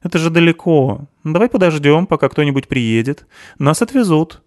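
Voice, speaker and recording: A man's voice: a little high, big pitch swings, moderate pace, a little mellow, no echo, clean studio sound, pitched above the performer's own voice. A man voicing a cheerful, teasing blonde young woman. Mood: playful. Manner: bubbly, teasing.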